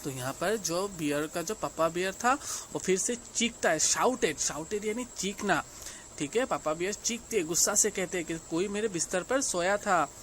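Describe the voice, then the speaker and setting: A woman's voice: on the low side, a bit bright, slight background noise. A woman teacher with an Indian English accent, reading a class storybook line by line and explaining each part for young pupils. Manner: reads English lines slowly, then explains in Hindi.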